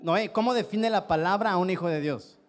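A man's voice: high-pitched, fairly quick. A man with a Mexican accent preaching a sermon as pastor, emphatic and repetitive, firing rhetorical questions at his listeners. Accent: Mexican Spanish. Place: standing before a congregation.

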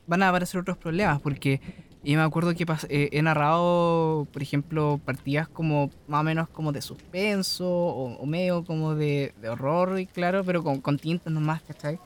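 Chilean male co-host, somewhat high voice, loose rambling delivery, faint hiss. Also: steady tone, normal speed. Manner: rambling, tags phrases with tag questions. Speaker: game master and podcast co-host. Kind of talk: casual podcast chat.

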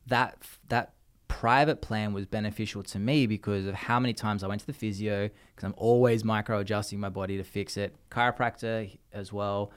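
A man's voice: on the low side, smooth. An Australian man chatting casually as a podcast guest, telling stories in a rambling way with many restarts. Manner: rambling, restarts, lively storytelling. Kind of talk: casual chat.

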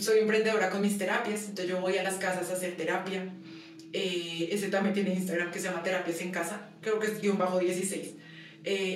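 A young woman telling personal stories in a casual interview, acting out dialogue and laughing often. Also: fairly low pitch. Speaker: guest. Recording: echoey room from far off, some noise.

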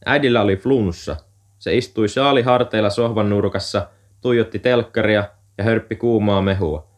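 A man calmly narrating an audiobook chapter in a steady storytelling manner. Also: fairly low pitch. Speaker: audiobook reader. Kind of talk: scripted narration.

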